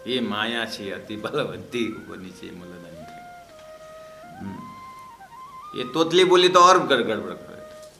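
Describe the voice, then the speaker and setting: A man's voice: lowish voice, lively intonation, takes it slowly, creaky, pauses often, sharp tone, echoey room, soft background music. A man teaching from scripture in a storytelling manner, acting out voices. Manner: storytelling, acts out voices and laughs. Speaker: spiritual teacher. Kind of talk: scripture class.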